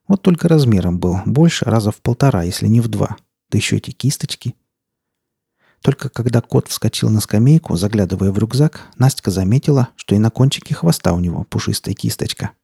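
A man narrates an audiobook in a steady, measured way. His voice is husky and dark, and it is recorded close and dry with no room sound. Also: fairly low pitch, no room sound. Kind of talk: scripted narration.

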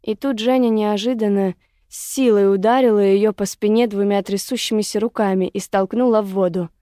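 A woman narrating an audiobook in a steady, even way. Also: medium pitch, normal speed, no echo, clean studio sound.

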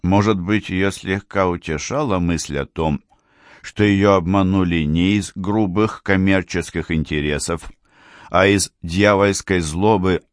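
A man reading a novel aloud as an audiobook narrator, in a measured, even storytelling delivery. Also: low voice, dry recording, studio quality.

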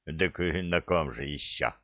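A weathered old sergeant, as a man acts him out, folksy and plain-spoken, his low voice taking its time. The reading sounds close and dry, with a slightly dull tone. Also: slow pace, no echo. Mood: hearty.

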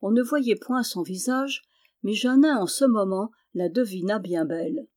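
A woman narrating a historical novel audiobook in a steady, measured way. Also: mid-range voice. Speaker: audiobook reader.

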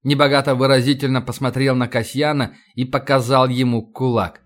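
A man narrating an audiobook in an even, measured reading. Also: mid-range voice, soft background music. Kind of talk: scripted narration.

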